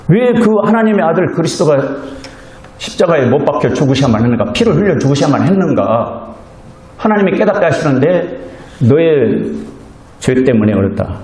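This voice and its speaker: A man's voice: a little high, animated, normal speed, pauses often, darkish tone. A male Korean pastor preaching a sermon in a church, earnest and conversational, acting out little quoted exchanges with the congregation. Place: church sanctuary. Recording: echoey church hall.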